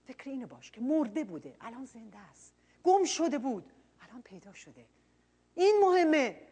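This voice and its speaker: A woman preacher giving a sermon, earnest, dropping quiet and then rising loud for emphasis. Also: high-pitched, very animated.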